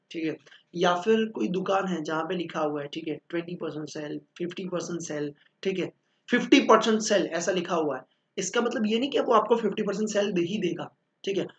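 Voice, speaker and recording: A high-voiced young Indian man teaching law in a lively, playful way, slipping between Hindi and English and slowing down to read from the book. The room echoes around him, and the sound is a little dull. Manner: lively, mixes Hindi and English, calls students beta and bhaiya; reads book lines in English slowly. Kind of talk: classroom lecture.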